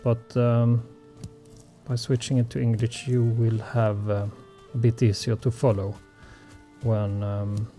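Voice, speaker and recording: A gaming channel host, a native Swedish speaker, talks through his survival gameplay in a medium-pitched, level, mellow voice. He speaks slowly and hesitantly, filling the gaps with lots of ums and uhs, while faint music plays behind him.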